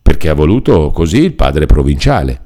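A man's voice: extremely low pitch, big pitch swings, fairly quick, mellow, full character voice. A man reading aloud and voicing a chatty, self-important older male friar who explains at length. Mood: explaining. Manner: garrulous, explaining, reassuring.

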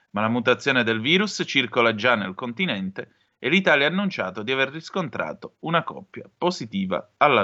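Bright-voiced opinionated man. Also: medium pitch, dull audio. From Calabria, southern Italy. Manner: opinionated, appeals directly to listeners. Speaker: commentator. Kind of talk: news reading and personal commentary.

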